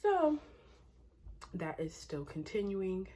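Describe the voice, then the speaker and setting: A woman's voice: mid-range voice, very animated, takes it slowly, dark tone. A young adult woman who is pregnant, chatting casually and rambling in a vlog, a little short of breath, sometimes dropping to a near whisper. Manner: chatty, rambling, laughs often, drops to a near whisper at times. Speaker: pregnancy vlogger.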